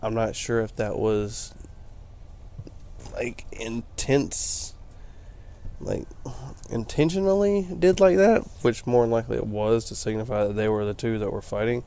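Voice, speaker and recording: A man's voice: lowish voice, level tone, unhurried, pauses often, mellow, clean tone. A tired man rambling through casual gameplay commentary, explaining things as he plays late at night. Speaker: let's play commentator.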